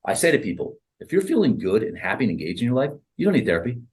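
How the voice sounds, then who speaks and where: He speaks rapid-fire in a mid-range voice: a therapist and author in his 30s, animated in an interview conversation as he acts out his exchanges with clients.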